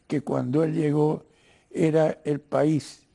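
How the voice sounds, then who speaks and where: This older Cuban writer and lawyer, with a Cuban-Argentine Spanish accent, is a guest discussing politics in a broadcast interview. He speaks haltingly and like a professor, repeating words while reaching for the next. His voice is slightly high and mellow, with vocal fry and little pitch movement.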